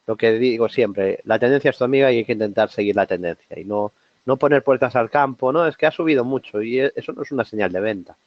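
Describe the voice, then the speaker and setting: A man from Spain with a sore throat presents a trading seminar in a halting, conversational way. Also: medium pitch, no echo, muffled recording. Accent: Spain Spanish. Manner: hesitant, many fillers and restarts, conversational. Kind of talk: live market analysis webinar.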